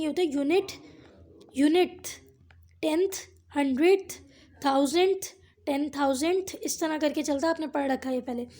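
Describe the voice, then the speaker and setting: A woman's voice: high-pitched, dark tone. A woman teaching a physics lesson step by step, often checking in with her students. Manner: explains step by step, reads English textbook lines slowly.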